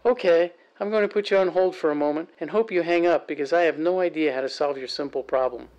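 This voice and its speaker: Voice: medium pitch, quick pace, darkish tone, dull audio, lightly acted. An actor playing a polite, unhelpful call centre agent with a customer service voice in a comedy sketch. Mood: politely unhelpful.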